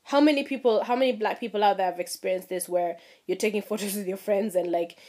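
A young woman from Kenya ranting casually to her viewers, animated and laughing, swearing freely and mimicking people. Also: fast. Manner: animated, swearing, mimics others in high voices, laughs at herself. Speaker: vlogger. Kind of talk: casual rant to camera.

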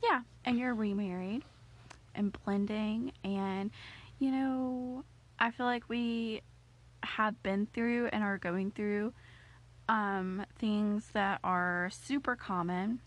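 A woman's voice: medium pitch, fairly even intonation, takes it slowly. A woman co-hosting a podcast, playful and teasing but earnest when she turns serious. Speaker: podcast co-host. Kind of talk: casual chat.

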